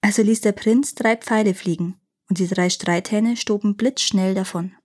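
A woman reading a fairy tale aloud in a clear, measured storytelling manner. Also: medium pitch, fairly even intonation, darkish tone.

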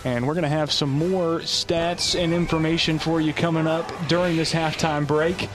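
A man's voice: on the high side, flat delivery, moderate pace, music in the background. A man hosting live football halftime commentary from a stadium press box. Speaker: play-by-play sports host.

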